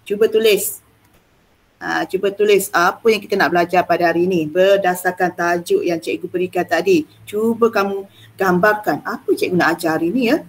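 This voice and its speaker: A woman's voice: lowish voice, steady tone, brisk, slight background noise. A woman teacher with a Malaysian accent, coaxing her students through an online lesson in a chatty way with many "ah" fillers.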